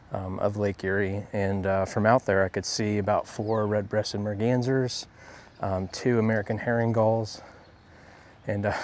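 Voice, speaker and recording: A man narrating a casual walk-and-talk nature vlog outdoors, relaxed and rambling with many ums. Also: lowish voice, slight background noise. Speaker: nature photographer vlogger.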